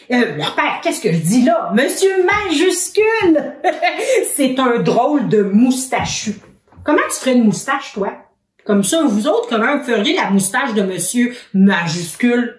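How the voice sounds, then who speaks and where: A woman with a Québécois accent gives a lesson to young children. She is patient and encouraging, with an unhurried pace and a rather high voice that moves a lot. The room sounds roomy and echoing. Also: distant mic. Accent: Québécois French. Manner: patient, encouraging, asks many questions. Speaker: children's educator.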